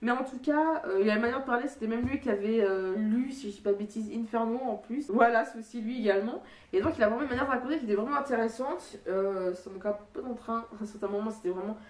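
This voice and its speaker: A woman's voice: fairly high pitch, a little mellow. A young woman with a blocked, stuffy nose gives a casual book review, speaking nasally in a hesitant, rambling way and often rephrasing mid-sentence. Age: young adult. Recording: echoey room, distant microphone.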